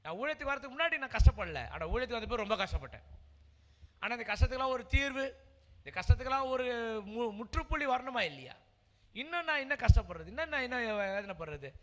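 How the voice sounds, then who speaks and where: In a big-sounding room, another pastor gives an emotional, earnest sermon testimony full of repeated words. He speaks fast in an extremely high, sing-song voice.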